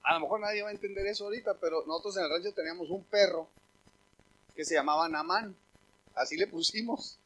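A man preaching a sermon as pastor, telling humorous stories and swinging from quiet asides to loud calls. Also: high-pitched, fast talker.

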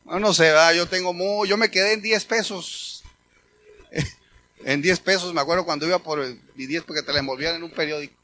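Here the same kind of speaker, a middle-aged preacher with a Mexican Spanish accent, delivers a chatty sermon testimony full of stories and animated quotes. He talks fairly quickly in a fairly high-pitched voice.

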